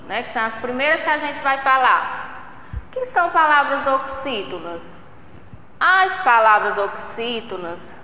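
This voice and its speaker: Slow, patient Brazilian woman teacher, echoey room. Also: on the high side, pushed and bright, slight background noise. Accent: Brazilian Portuguese. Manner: slow, patient, drawing out syllables and asking "né?" and "certo?". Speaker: primary school teacher. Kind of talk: recorded classroom lesson for children. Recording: echoey room with long reverb.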